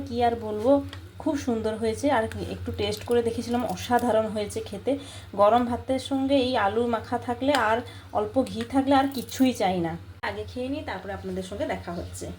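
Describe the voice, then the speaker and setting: A woman's voice: fairly high pitch, a little mellow, a little hiss or hum. A woman chatting casually to her viewers as she films a home vlog on a phone camera. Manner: chatty, friendly, often addresses viewers as friends. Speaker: home vlogger.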